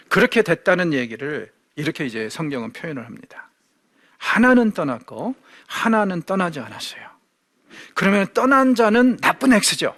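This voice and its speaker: A man lectures on the Bible in a fairly bright, higher-pitched voice, recorded without echo. He throws rhetorical questions at his listeners and performs quoted lines with vivid flair.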